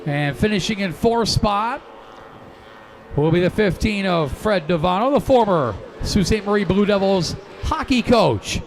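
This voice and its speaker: A man's voice: sits high, lively intonation, a little slow. A man working as a race announcer, giving live motorsport commentary in a proclaiming track announcer's delivery. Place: broadcast booth at a racetrack. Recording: background noise at outdoor race.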